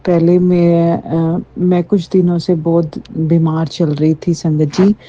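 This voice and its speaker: A woman telling a personal devotional testimony, halting as she goes and often addressing her listeners directly. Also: lowish voice, warm tone, lo-fi sound. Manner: keeps addressing listeners as sangat ji, halting delivery.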